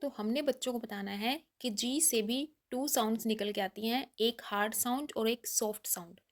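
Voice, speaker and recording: A woman teaching letter pronunciation, slowly stretching out example sounds as she explains. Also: a little high. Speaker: English teacher. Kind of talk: Hindi-English lesson explanation.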